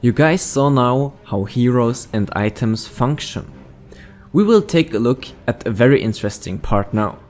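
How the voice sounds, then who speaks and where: A man's voice: medium pitch, expressive, normal speed, darkish tone. Male explainer narrator over faint music. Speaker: documentary narrator.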